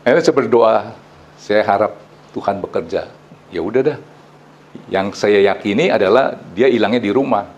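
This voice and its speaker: A middle-aged male pastor, preaching a sermon in a lively, storytelling way full of casual slang. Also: on the low side, moderate pace, pauses often, dull audio.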